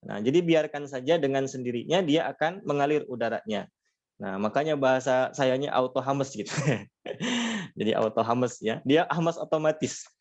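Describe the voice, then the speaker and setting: Man, patient online recitation teacher, models sounds slowly, slightly dull lo-fi audio. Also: medium pitch, darkish tone. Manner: patient explaining, frequent fillers, demonstrates sounds slowly. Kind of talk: online lesson.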